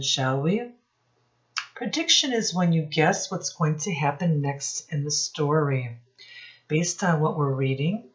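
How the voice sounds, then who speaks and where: A teacher reads a storybook aloud to children, explaining words and asking her young listeners questions. Her voice sits low, and the sound is lo-fi.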